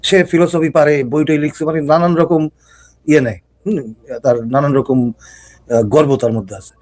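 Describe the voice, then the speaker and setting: A man's voice: a little high, steady tone, normal speed, a little mellow, dry recording. A man joining a live stream as a guest, chatting casually and colloquially with frequent laughter. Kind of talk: casual chat.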